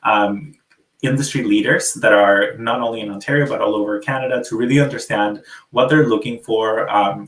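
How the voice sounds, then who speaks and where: A man's voice: fairly low pitch, a bit bright. A man from Venezuela working as an international student recruiter, presenting in an upbeat, fluent way with some fillers. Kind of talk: webinar presentation. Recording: roomy distant webinar audio.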